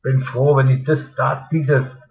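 A man's voice: medium pitch, flat delivery, measured pace, darkish tone, dull audio. A man in a berserk, exasperated rage, swearing heavily as he commentates his own video gaming. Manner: berserk angry ranting, heavy swearing, exasperated. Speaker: gamer recording gameplay. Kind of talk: ranting video game commentary. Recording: clear game noise behind voice. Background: racing game sounds.

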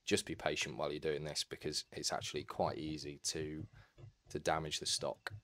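Very deep-voiced man explaining woodwork. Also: normal speed, dry recording. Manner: calm, practical, step-by-step advice. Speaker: woodwork tutorial narrator. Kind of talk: instructional voice-over.

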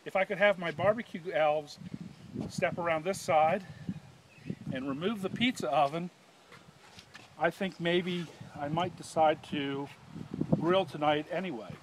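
Chatty higher-voiced man in his fifties. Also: measured pace, long pauses. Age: 50s. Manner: chatty, joking salesman patter. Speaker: product demonstrator. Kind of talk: outdoor product demonstration. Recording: audible outdoor background noise.

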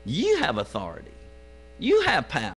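A man preaching a sermon in church, moving from quiet low asides to loud, drawn-out exclamations. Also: huge pitch swings, slightly rough, low-quality recording. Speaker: pastor. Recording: live stream with faint mains hum.

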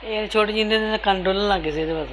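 A woman's voice: medium pitch, fast talker, slight background noise, low-quality recording. An older mother answering an interviewer in a plain, weary way.

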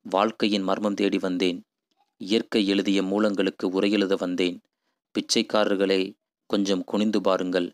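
A man's voice: sits low, level tone, normal speed, no echo, natural voice. A man voicing an impassioned idealist who preaches to villagers in poetic, rousing speech.

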